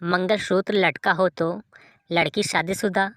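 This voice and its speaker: A woman reads short jokes aloud, one after another, in an even storytelling delivery. Her voice sits low for a woman and she takes her time. The recording is dry and close, with no room sound. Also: measured pace, no room sound. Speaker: joke reader.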